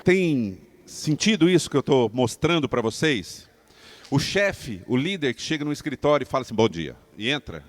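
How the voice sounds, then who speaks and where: A man with a Brazilian Portuguese accent teaching leaders public speaking to a live audience, emphatic and animated, asking the room questions. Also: on the high side, moderate pace. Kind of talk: live talk to a seated audience.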